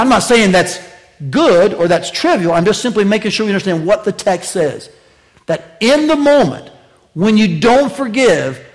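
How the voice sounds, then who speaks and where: A man with a high voice preaching a sermon in a conversational way, joking with the congregation. He swings from loud, raised lines to quiet, slow asides. Think of a pastor talking straight to his church. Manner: conversational preaching with wide swings of pitch and loudness; jokes with the congregation.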